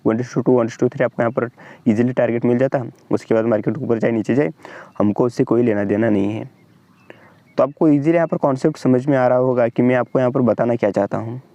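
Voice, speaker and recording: A young Indian man with an Indian accent, rapidly walking through a trading chart tutorial and pointing things out again and again. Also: mid-range voice, dark tone, no room sound, highs cut off. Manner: fast, repetitive explainer, keeps pointing at the chart. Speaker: trading channel host. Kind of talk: screen-share trading tutorial.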